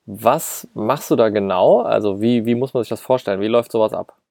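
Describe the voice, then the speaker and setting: Gravelly calm male interviewer. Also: on the low side, a little fast, no room sound, studio quality. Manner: calm, frequent affirming hums. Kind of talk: casual interview.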